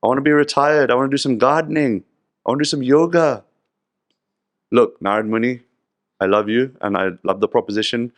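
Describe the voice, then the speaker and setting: A man's voice: mid-range voice, a little fast, long pauses, dry recording, pitched above the performer's own voice, lightly acted. A reluctant middle-aged family man who pleads and bargains for just a bit more time, as a man puts him on within a story. His voice sits a little above a plain speaking voice and keeps coming back to the same ask. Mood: pleading.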